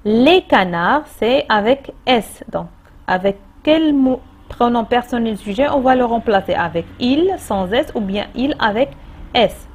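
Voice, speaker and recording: A woman teacher with a Moroccan French accent, explaining a distance-learning grammar lesson slowly and patiently, repeating key points. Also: a little high, animated, darkish tone, breathy edge. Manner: slow, patient explaining with repetitions. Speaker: primary school teacher.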